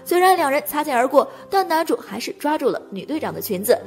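A woman reading a scripted movie recap as narrator, talking fast in a continuous delivery. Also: high-pitched, very animated, soft background music.

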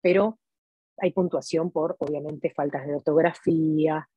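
A woman's voice: deep voice, steady tone, a little slow, breathy edge, dry recording, phone-quality sound. A woman tutoring for a language exam, explaining step by step and checking in with her listeners. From Argentina. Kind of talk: explanatory teaching talk to viewers.

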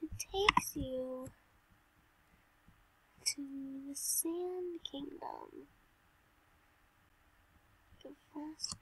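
A woman casually showing off a game build in a soft, often whispered voice, hesitant with fillers. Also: sits high, very slow, pauses often, low-quality recording. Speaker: video creator.

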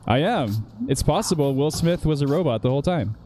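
A man playing a video game and bantering casually, joking and laughing often, reacting loudly to the game. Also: a little high, animated, a little fast. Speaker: gaming streamer. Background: game music.

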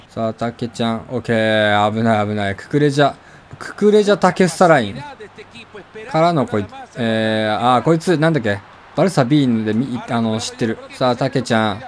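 A young man giving casual, chatty commentary while playing a soccer video game, with sudden excited outbursts. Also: medium pitch. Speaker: gaming commentator. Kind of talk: casual let's-play commentary.

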